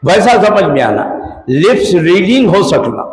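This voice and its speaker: A man's voice: high voice, big pitch swings, a little slow. A man with a Hyderabadi Urdu accent giving a religious lecture on Islamic law in a mosque, talking conversationally and quizzing his listeners. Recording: echoey hall.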